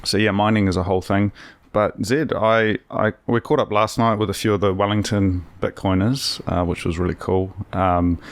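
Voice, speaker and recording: Low gravelly New man hosting. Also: moderate pace, hardly any pauses, dry recording. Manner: relaxed, rambling, swears casually. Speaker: podcast host. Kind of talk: casual conversational interview.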